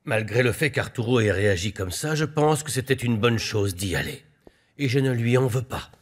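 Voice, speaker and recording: An actor dubbing a telenovela, playing a man who speaks in a measured, calm way. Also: mid-range voice, lightly acted. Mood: understanding. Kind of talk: dubbed telenovela acting.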